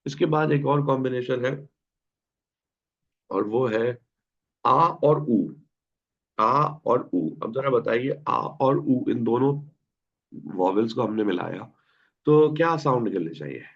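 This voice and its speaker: Male teacher, slow gravelly delivery, patient drills, dull lo-fi call audio. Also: mid-range voice, lively intonation. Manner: patient, quizzes students and repeats words slowly. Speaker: German teacher. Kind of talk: online language class. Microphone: video call. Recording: dull lo-fi online class audio.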